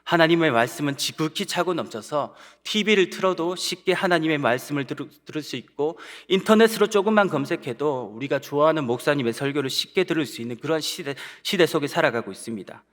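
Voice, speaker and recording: Male pastor, fairly high and very animated delivery, earnest sermon voice with long church reverb. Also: fast talker, hardly any pauses. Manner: earnest, asks the congregation rhetorical questions. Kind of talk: Sunday sermon. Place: church sanctuary.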